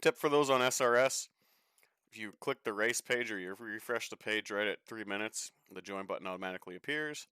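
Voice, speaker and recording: A young man rambles through his sim racing stream in a loose, joking way, swearing without a second thought. His voice is on the low side but bright and forceful, and it comes through clean and crisp in a dry, close recording. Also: brisk, no echo. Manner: chatty, swears freely, offhand and joking. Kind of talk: casual live-stream commentary while racing.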